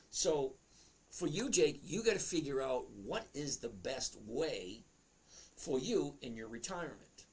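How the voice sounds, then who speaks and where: A man's voice: a little high, breathy edge. A man, hosting a trading livestream in casual chat, joking and talking to viewers by name. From Boston area. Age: 60s. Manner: chatty, jokey, talks straight to viewers by name.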